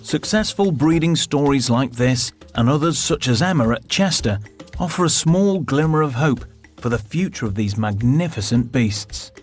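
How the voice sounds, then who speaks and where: A man narrates a nature documentary from a script. His voice sits at a middle pitch, with light music playing behind him. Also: expressive, normal speed.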